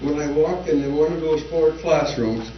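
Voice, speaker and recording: A man's voice: a little high, moderate pace, slight background noise. An older man, a former school board member, giving folksy, anecdotal remarks at a public meeting. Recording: roomy, dull community TV audio.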